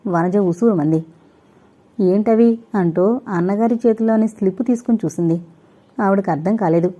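Female audiobook narrator, very dark mellow voice, steady storytelling. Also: mid-range voice, a little fast, lo-fi sound. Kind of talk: scripted novel narration.

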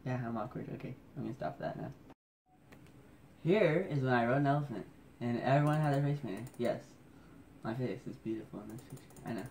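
Man, hushed home vlog, rambling, self-mocking, mid-pitched voice. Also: fast, slight background noise. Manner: hushed, keeping his voice down. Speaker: vlogger. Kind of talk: casual photo-scrolling commentary. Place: at home indoors at night.

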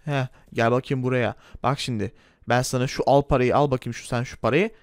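A man voicing a grumpy, bossy middle-aged male grocer in a game role-play, gruff and scolding. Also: medium pitch, fairly even intonation, a little fast, dry recording, studio quality, pitched below the performer's own voice, natural voice. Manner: gruff, scolding, barks orders.

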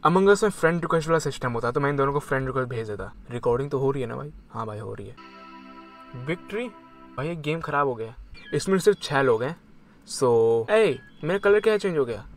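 A young man giving chatty, excitable commentary on his game, mixing Hindi and English. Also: medium pitch, fast, soft background music. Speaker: gamer. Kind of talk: casual gaming commentary.

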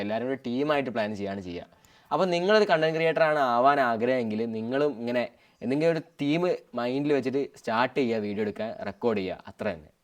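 Guy vlogging w his family, talks fast, chatty. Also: mid-range voice. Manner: chatty, interviewing family members, advice to creators. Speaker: family vlog channel host. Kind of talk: casual family vlog chat.

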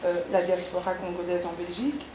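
A woman's voice: fairly low pitch, level tone, a little fast. A woman moderating a public discussion with a handheld microphone, speaking hesitantly with many fillers. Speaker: event moderator. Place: dark event hall on stage, seated. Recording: echoey hall with noticeable background noise.

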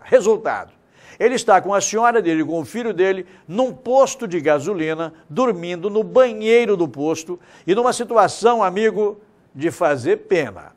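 A man presenting local TV news in a studio, emphatic and gesturing as he appeals straight to viewers. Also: sits high. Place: TV studio set.

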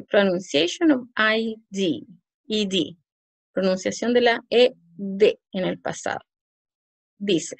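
A woman's voice: mid-range voice, creaky, no echo. A woman teacher with a Chilean Spanish accent, patiently explaining English pronunciation rules to her class in a recorded lesson, often checking that students follow. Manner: slow, patient explaining, with many "¿cierto?" and "¿ya?" checks.

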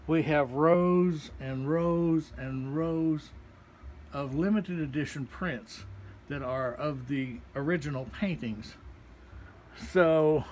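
In this casual walking tour filmed on a handheld phone, the artist shows visitors through a small gallery painting by painting. His voice is a little high and he takes it slowly, with a relaxed, folksy manner. Slight background noise runs beneath.

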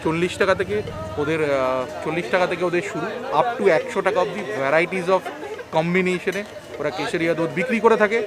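A young man talking through a face mask, describing food to viewers in a lively, casual vlog. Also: high-pitched. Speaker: food vlogger. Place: busy city street outdoors. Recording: loud street and traffic noise.

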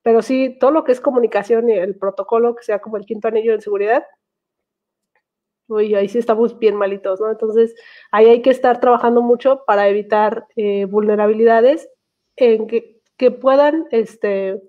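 A young woman with a Mexican accent, chatting as a guest speaker over a headset, quick and prone to laughing. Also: on the high side, fairly even intonation. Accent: Mexican Spanish. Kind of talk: casual online talk. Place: small room at home. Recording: tinny video call audio.

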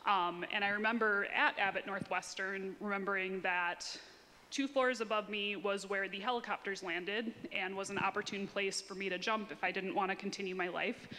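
Standing in a reverberant church sanctuary with a handheld microphone, a woman in her thirties tells a congregation a personal story candidly and informally. Her mid-range voice is steady, pushed and bright at a moderate pace, with slight background noise.

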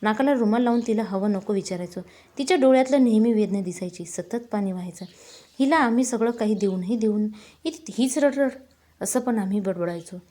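A woman voicing a remorseful grown daughter, a tearful schoolteacher, in a slow, heavy, confessional way. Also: mid-range voice, warm tone, close to an everyday voice.

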